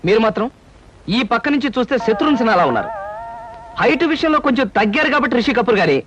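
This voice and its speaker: A man's voice: extremely high pitch, lively intonation, rapid-fire, background noise. A man playing a cheeky, teasing young lodger who schemes in a film comedy scene. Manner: cheeky, teasing and mock-innocent. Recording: film soundtrack with music underneath.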